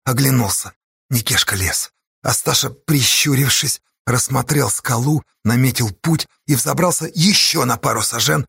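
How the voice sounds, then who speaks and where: A man narrates an audiobook with measured, dramatic delivery. His voice is husky and gravelly, sitting a touch high, recorded close and dry. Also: a bit bright, no echo.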